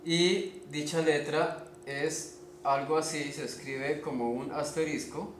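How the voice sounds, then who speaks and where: A man giving a slow spelling lesson, speaking deliberately, pausing often and checking in with his listeners. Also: on the high side, steady tone. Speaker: language teacher. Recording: echoey room with faint background noise.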